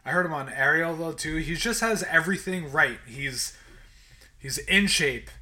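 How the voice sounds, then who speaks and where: A man's voice: a little high, animated, moderate pace, bright, forceful tone. Laid-back man chatting inside a closet. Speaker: podcast co-host. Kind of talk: casual chat.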